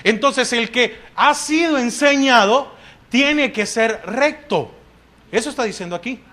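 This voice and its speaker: A man's voice: very high-pitched, unhurried, bright, forceful tone. A man with a Salvadoran Spanish accent preaching a sermon in church, asking the congregation questions and answering them with frequent "amén".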